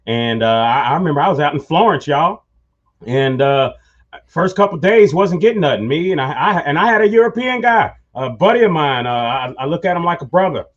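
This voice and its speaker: A man's voice: on the high side, expressive, brisk. A man hosting a talk show, chatting casually and telling rambling stories, calling his listeners y'all. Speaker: show host. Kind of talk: casual chat. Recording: dull lo-fi sound.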